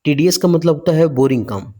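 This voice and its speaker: A man's voice: fairly high pitch, expressive, brisk, mellow. A man teaching an exam-prep vocabulary lesson. He asks the class rhetorical questions again and again and gives folksy, jokey memory tricks. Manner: explains with repeated rhetorical questions.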